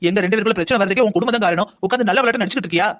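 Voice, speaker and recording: A voice actor playing an angry middle-aged mother in a cartoon drama, scolding in a rapid-fire way. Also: mid-range voice, fairly bright tone, lightly acted. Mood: furious. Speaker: bride's mother.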